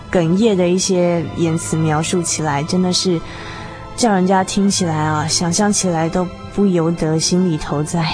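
A woman radio host reads a scripted introduction at a measured pace, drawing out the ends of her sentences. Her voice sits lower than most women's, and faint music plays under her. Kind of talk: scripted narration.

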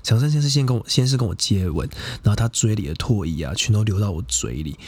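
A man's voice: lowish voice, expressive, quick pace, darkish tone, slightly rough. A young adult man, hosting a podcast and casually telling a personal story in a frank, profane, chatty way full of fillers. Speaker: podcast host.

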